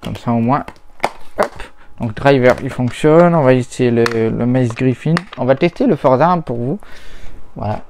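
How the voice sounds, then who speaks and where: A man talking casually about old console games as he tests them, rambling and hesitant, often pausing on little filler words. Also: medium pitch, noisy background. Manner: rambling, hesitant, full of "voilà" and "hop". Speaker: retro gaming YouTuber. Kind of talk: casual chat while testing games.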